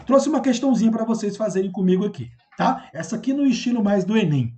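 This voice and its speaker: A man's voice: sits high, quick pace. A man with a Brazilian accent, teaching a video lesson on poetry and checking in with his students often. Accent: Brazilian Portuguese. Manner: animated, addresses students directly with frequent check-ins. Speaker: literature teacher.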